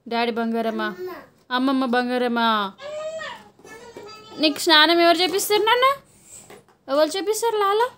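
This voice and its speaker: A woman's voice: high voice, a bit bright, slight background noise. A mother with a Telangana Telugu accent filming her toddler at home on a phone, coaxing and teasing the child in playful sing-song baby talk. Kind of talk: home video chatter with a small child.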